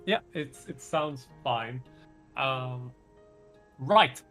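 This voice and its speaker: A man's voice: medium pitch, drawn-out words, fairly bright tone, soft background music. A man improvising narration as game master, hesitant and often searching for words.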